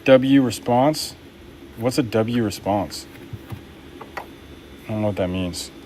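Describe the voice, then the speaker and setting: A man's voice: fairly low pitch, slow pace, noisy background. A young man making knives and chatting casually with his live-stream viewers while he works, upbeat and laid-back. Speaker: knife maker live-streaming his work.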